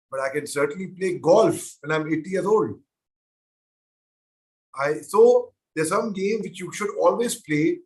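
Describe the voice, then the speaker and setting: High-voiced man teasing kids on a video call. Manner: playful, teasing, talks directly to the kids. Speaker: guest answering children's questions. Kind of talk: playful webinar Q&A with children.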